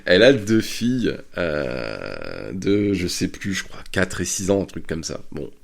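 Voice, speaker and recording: Male podcast host, gravelly low voice, lively swings in pitch, crude casual anecdotes. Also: measured pace. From France. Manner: crude, chatty, laughing often. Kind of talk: casual storytelling. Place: Bordeaux area.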